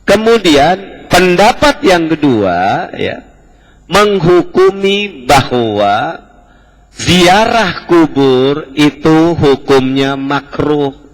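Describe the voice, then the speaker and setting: A man's voice: a little high, lively intonation, extremely slow, pauses often. A male preacher giving a lecture on hadith, explaining at length with casual colloquial asides. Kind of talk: Islamic study lecture. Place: mosque hall in Jakarta. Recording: echoey mosque hall.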